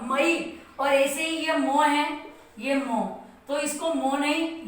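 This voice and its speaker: Brief: high-voiced woman teacher, patient and slow, recorded from afar in a very echoey room. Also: fairly bright tone, recorded from a distance. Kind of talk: home video lesson.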